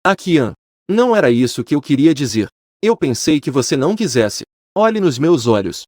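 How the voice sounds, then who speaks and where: A man voicing a gentle, soft-spoken young mother in a storybook reading, speaking softly and tenderly. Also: on the high side, sing-song, moderate pace, no room sound, studio quality. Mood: pleading. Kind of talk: storybook voice acting.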